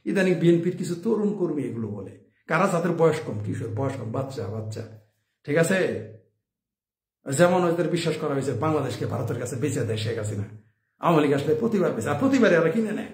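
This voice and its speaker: This man's voice is a little high, very animated and fairly quick. As a political commentator, he lays out opinionated commentary full of rhetorical questions, laughing softly at his own points, with the sound bouncing around a roomy, echoey room.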